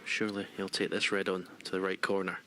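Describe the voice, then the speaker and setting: Low-voiced male snooker co-commentator. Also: completely flat delivery, fast talker, sharp tone. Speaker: snooker co-commentator, former player. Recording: noisy hall ambience behind. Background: snooker hall noise.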